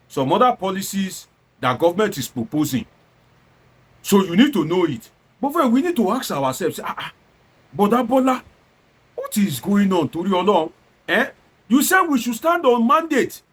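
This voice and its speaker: This Nigerian-accented man sounds high, a bit bright and slightly rough as he riffs on politics satirically. Exclamatory and dramatic, he poses rhetorical questions and drifts back and forth between Pidgin and standard English.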